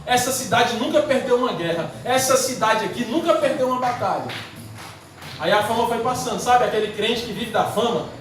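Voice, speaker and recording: High-voiced preacher in echoing church. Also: male voice, animated, brisk, fairly bright tone. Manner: emphatic, repetitive rhetorical preaching. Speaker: pastor. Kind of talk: sermon. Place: church sanctuary. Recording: very echoey church hall from far off, faint noise.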